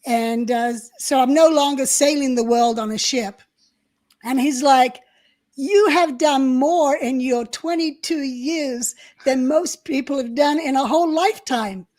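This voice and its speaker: A woman's voice: high-pitched, unhurried, a little mellow. An older woman co-hosting a live-stream chat, telling stories from her past in a chatty way with plenty of fillers. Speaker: co-host.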